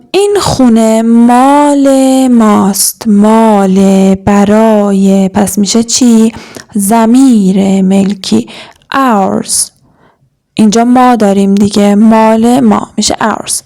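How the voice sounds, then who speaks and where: A young woman teaching English grammar, explaining and modeling example sentences slowly and deliberately. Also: on the high side, dark tone. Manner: slow, deliberate, stretching out words.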